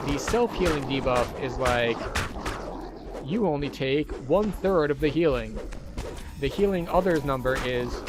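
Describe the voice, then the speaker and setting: Man, gameplay commentator, casual streamer talk, game music behind. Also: medium pitch.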